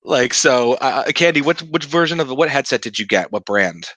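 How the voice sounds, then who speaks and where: A man's voice: mid-range voice, lively intonation, pushed and bright, no echo. A man hosting a casual gaming podcast, upbeat and teasing, leading the panel through news. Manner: upbeat, teasing, quick asides. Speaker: podcast host.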